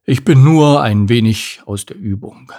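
A man's voice: medium pitch, measured pace, warm tone, lightly acted. A man reading a storybook and voicing a taciturn, clumsy male albatross who answers in as few words as possible. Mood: terse.

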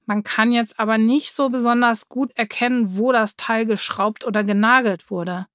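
A woman voicing a lively, curious young girl in a children's story, eager and outspoken. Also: fairly high pitch, moderate pace, no echo, clean studio sound, lightly acted.

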